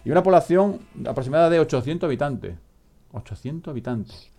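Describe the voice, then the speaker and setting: A man's voice: fairly high pitch, lively intonation, fairly quick, creaky, dark tone. Rambling, joking man hosting. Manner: rambling, joking, trails off often. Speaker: podcast host. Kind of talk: casual comedic radio chat.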